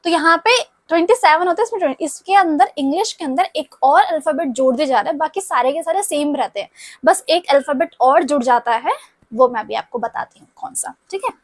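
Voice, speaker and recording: A woman's voice: high voice, animated, a little fast, dry recording. A young woman teaching a language lesson, explaining step by step and often checking whether her students follow.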